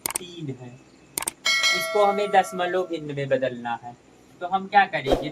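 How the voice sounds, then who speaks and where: A man's voice: high-pitched, recorded from a distance, noisy background. A man teaching a maths lesson step by step, calling his viewers friends as he works through each sum.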